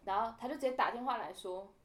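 A woman's voice: a little high, fast, fairly bright tone. A young woman telling a story in a casual podcast chat, animatedly acting out the quoted dialogue. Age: young adult. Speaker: podcast co-host.

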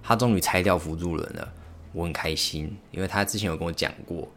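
A young man with a Taiwanese Mandarin accent, hosting a casual solo podcast and telling stories in a halting way, with many fillers and restarts. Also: low voice, a bit bright. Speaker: podcast host.

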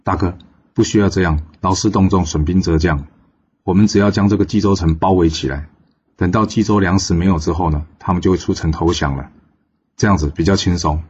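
A man voicing a calm, shrewd male general who reasons in a measured way. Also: deep voice, husky, lo-fi sound.

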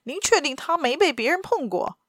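A woman puts on a determined young detective who presses with quick, urgent questions. His voice runs a touch higher than usual and sounds dry and close to the mic. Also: lively intonation, a bit bright, no room sound. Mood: probing.

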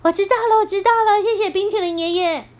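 A woman voicing a scared little boy piglet who whines tearfully in a children's storybook. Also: fast talker. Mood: relieved. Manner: high, tearful and pleading.

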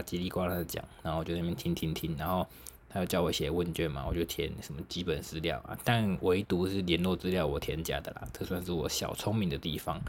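A man's voice: low-pitched, a little mellow, a little hiss or hum. A young man with a Taiwanese Mandarin accent hosting a podcast, chatty and self-mocking, laughing and swearing lightly as he tells stories. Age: young adult. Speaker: podcast host. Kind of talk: casual solo storytelling.

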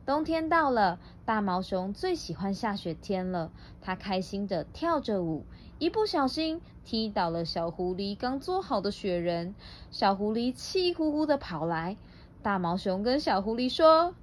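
A woman's voice: medium pitch, very animated, a little slow, slight background noise. A woman reading a picture book aloud to her child, playful and laughing, stopping often to quiz the child.

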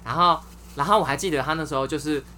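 A woman's voice: sits low, fast, pushed and bright, slight background noise. A woman, hosting a casual chat and telling stories animatedly, swearing for emphasis. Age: 20s. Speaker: podcast host.

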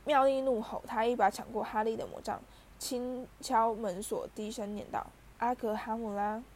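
A woman reading a storybook aloud as narrator, lively and voicing the characters. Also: a little high, moderate pace, a little hiss or hum. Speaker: audiobook reader.

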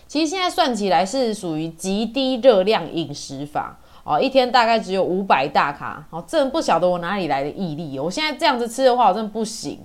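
A woman's voice: medium pitch, very animated, brisk, few pauses. A woman in her forties from Taiwan with a Taiwanese Mandarin accent, telling personal stories as a podcast host in a chatty, colloquial way. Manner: chatty, colloquial, with sentence-final particles. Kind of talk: casual personal storytelling.

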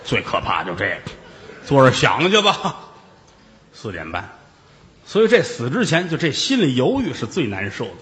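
A man's voice: medium pitch, huge pitch swings, moderate pace, long pauses, fairly bright tone. A male storyteller narrating a traditional tale in a colloquial, theatrical way with asides to his listeners, recorded with reverb.

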